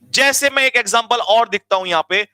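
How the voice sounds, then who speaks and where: Speaking briskly in a very high pitch, this male grammar teacher runs an online exam-prep lecture with no echo in the sound. He's energetic, tells the students to move quickly, and keeps firing the same questions at them.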